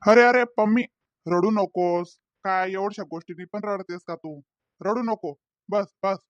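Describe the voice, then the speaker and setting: A man voicing a patient father in a cartoon, soothing his daughter and trying to calm his quarreling family. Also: high-pitched, unhurried, dry recording, muffled recording. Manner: soothing, placating. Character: patient, placating young father. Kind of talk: cartoon voice acting.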